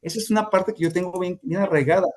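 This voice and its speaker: A man's voice: high-pitched, fast talker. A man lecturing on grief as a therapist, explaining steps and acting out clients' voices in quotes. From Mexico. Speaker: grief therapist teaching a class.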